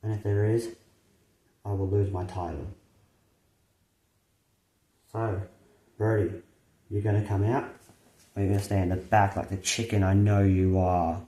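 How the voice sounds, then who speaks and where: A man playing a brash, taunting wrestling champion in a promo, speaking a little haltingly. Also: fairly low pitch, flat delivery, dark tone, echoey room, natural voice. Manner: cocky, taunting, halting delivery. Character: brash male wrestling champion calling out a rival.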